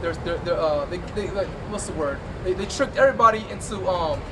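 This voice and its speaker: A man's voice: sits high, expressive, a little fast. A man preaching on the street to a passerby, emphatic and repetitive, recorded outdoors. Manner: emphatic, repeats "all right" and "right". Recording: distant mic, loud traffic noise.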